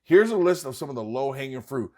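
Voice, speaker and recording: A man's voice: mid-range voice, very animated, fast, dark tone. Guy running a finance channel, pushy and emphatic, hammers his points twice. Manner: emphatic, urging, repeats points for stress. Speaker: investing channel host. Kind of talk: scripted direct-to-camera commentary.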